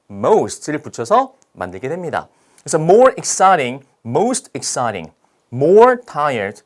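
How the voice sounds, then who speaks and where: A man teaching an English grammar lesson to students, often checking in with "okay?" and "right?", and sounding out English words slowly. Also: on the high side. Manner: stretches out English words when sounding them out.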